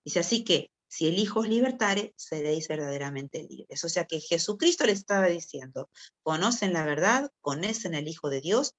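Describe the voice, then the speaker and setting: A woman's voice: on the low side, animated, moderate pace. A woman with a Rioplatense Spanish accent, teaching a youth group from the Bible in a chatty way, often asking her listeners questions and acting out people's excuses. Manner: conversational, asks listeners questions, acts out excuses.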